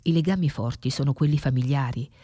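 Measured, reflective film narrator, mellow tone. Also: medium pitch, no echo, studio quality. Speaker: film commentator. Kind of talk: scripted narration.

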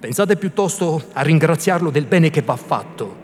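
A man reading aloud and voicing a timid, fretful old male village priest who scolds in anxious, hushed tones. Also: fairly high pitch, lively intonation, normal speed, pitched above the performer's own voice, close to an everyday voice. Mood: sermonizing. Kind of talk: theatrical literary reading. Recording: reverberant hall, faint room noise.

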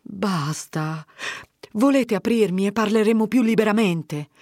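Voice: mid-range voice, a little slow, a little mellow, no echo, clean studio sound, pitched above the performer's own voice, natural voice. A reader voicing a resolute, earnest young man speaking firmly to an old priest and a mother. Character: determined young man returning home.

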